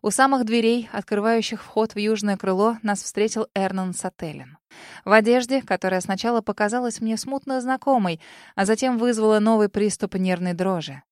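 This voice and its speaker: A woman reads an audiobook in a measured, expressive way, her voice at a medium pitch. The recording is dry and close, with no room sound. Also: dry recording. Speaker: audiobook narrator. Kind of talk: scripted narration.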